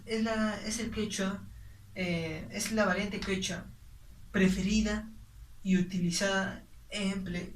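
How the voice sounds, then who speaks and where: Young student presenting in class, halting with fillers; roomy, distant classroom sound. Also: mid-range voice. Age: young adult. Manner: hesitant with frequent fillers. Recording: echoey room, distant mic, faint noise.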